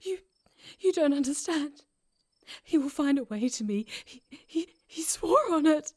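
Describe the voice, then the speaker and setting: A woman's voice: high-pitched, lively intonation, unhurried. A woman voicing a terrified young woman fleeing a man, pleading in a shaky, tearful voice that slips into whispers. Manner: desperate pleading, breaking into whispers.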